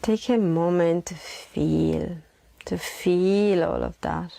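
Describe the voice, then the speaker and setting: This woman's soft, lowish voice guides a meditation at a relaxed, unhurried pace. She repeats phrases, pauses for long stretches, and is sometimes breathy; no room sound is audible.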